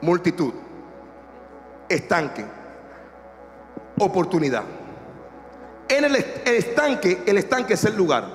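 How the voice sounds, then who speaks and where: A male pastor preaching a sermon in a church, lively and joking, acting out scenes. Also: high voice, unhurried, pauses often. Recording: long church reverb with faint music.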